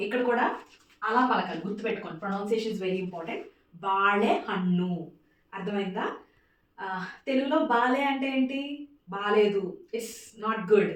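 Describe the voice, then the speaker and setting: Echoey woman teaching a language lesson. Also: on the high side. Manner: repeats words slowly for pronunciation, mixes in English. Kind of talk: casual spoken lesson. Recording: echoey room, distant mic.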